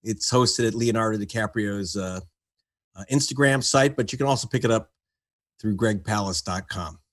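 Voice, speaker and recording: A man's voice: fairly low pitch, moderate pace. A man who is an investigative reporter, introducing himself as a guest on a panel in a self-assured way with hesitant fillers. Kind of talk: casual panel talk.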